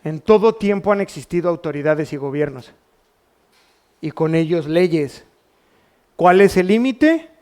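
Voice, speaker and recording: Mexican pastor preaching, higher-pitched man. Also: expressive, unhurried, long pauses, mellow. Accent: Mexican Spanish. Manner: preaching with rhetorical questions to the congregation. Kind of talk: sermon. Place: church.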